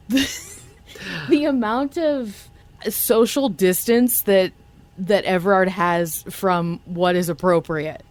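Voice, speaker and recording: A woman co-hosts a podcast about an audio drama, chatting informally and enthusiastically while swearing freely. Her medium-pitched voice is a little mellow and slow-paced, with no echo.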